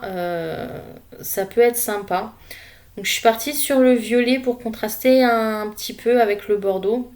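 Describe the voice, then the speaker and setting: Woman, craft vlogger, casual unhurried voice-over, hesitant and relaxed. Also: mid-range voice. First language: French. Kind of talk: casual voice-over narrating a scrapbooking session.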